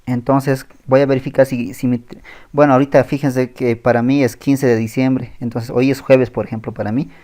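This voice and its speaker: A man teaching a screen-recorded coding tutorial, thinking aloud as he types, pausing and correcting himself. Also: mid-range voice, flat delivery, mellow. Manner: thinks aloud while typing, with pauses and self-corrections. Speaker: programming tutor.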